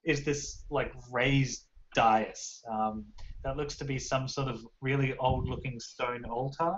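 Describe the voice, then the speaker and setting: A man's voice: mid-range voice, fairly even intonation, takes it slowly. A man narrating a tabletop game as game master, describing scenes in a loose, rambling way full of fillers. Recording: muffled lo-fi recording.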